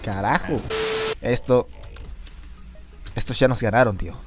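A man giving casual, excitable gameplay commentary, talking to his viewers and to the game and swearing often. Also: medium pitch, unhurried, music in the background.

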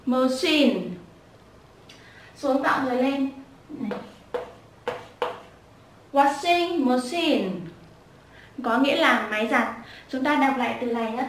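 A woman teaching children pronunciation, repeating each word slowly and breaking it into sounds with patience. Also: high-pitched. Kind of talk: slow spoken lesson with repeated drills. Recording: echoey room, voice a bit far from the mic.

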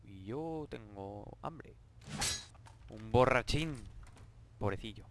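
A man's voice: fairly low pitch, expressive, takes it slowly. Jokey male let's-player, sarcastic, bursts into panicked yelps; noisy home mic. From Spain. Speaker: gameplay commentator. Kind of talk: casual gameplay commentary.

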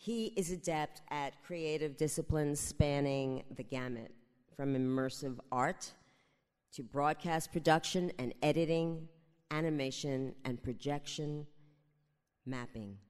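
A host introducing the next storyteller on a theater stage, unhurried with pauses. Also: mid-range voice, a little mellow, clean tone. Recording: live theater hall reverb.

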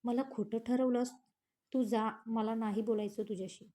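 A woman's voice: fairly high pitch, fairly even intonation, normal speed, dark tone, close to an everyday voice. A woman reading the part of a reproachful young wife who scolds her husband.

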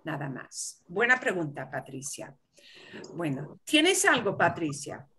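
A woman's voice: fairly low pitch, very animated, slow, fairly bright tone, slight background noise. A woman from Michigan teaching Spanish in an online class, patiently explaining and switching into English to clarify. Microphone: video call.

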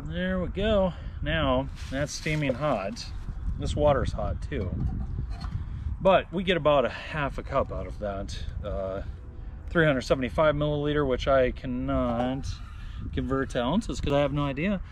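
A man casually demonstrating camping coffee gear, chatty and relaxed, thinking out loud as he goes. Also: medium pitch, a little slow, slight background noise. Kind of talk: casual product demo.

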